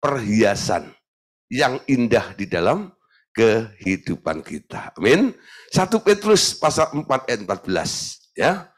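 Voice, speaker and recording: Animated preaching man. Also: medium pitch, unhurried. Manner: animated preaching with jokes and playful mimicry. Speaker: pastor. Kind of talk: sermon.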